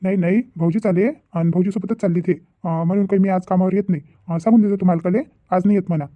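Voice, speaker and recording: A man's voice: sits high, fairly even intonation, fast talker, no echo, narrow, tinny audio, lightly acted. A man voicing a worried young village brother who rambles and repeats himself in a cartoon family drama.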